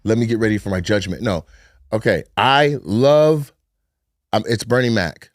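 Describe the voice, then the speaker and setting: A man comedian as a guest in casual chat, playful and animated, hedging carefully when giving opinions. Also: fairly low pitch, moderate pace, dry recording, clean studio sound.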